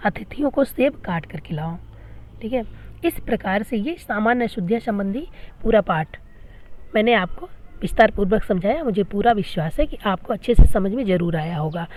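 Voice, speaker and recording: A woman's voice: medium pitch, darkish tone. A woman teacher explaining grammar to school students, patiently repeating each question before giving the answer. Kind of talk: classroom grammar lesson.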